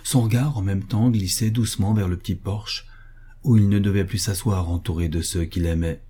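Low dark voiced guy reading an audiobook, serious and steady, kinda husky. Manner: grave, measured. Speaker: narrator. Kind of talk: audiobook narration.

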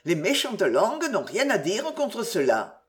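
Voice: mid-range voice, huge pitch swings, a little slow. A reader voicing a crafty, pompous old Scottish inn waiter who preaches with mock virtue.

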